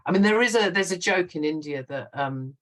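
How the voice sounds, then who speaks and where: A woman's voice: fairly low pitch, animated, brisk, fairly bright tone, poor audio. A middle-aged woman writer being interviewed, talking animatedly and laughing often. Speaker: guest writer. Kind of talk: conversational interview.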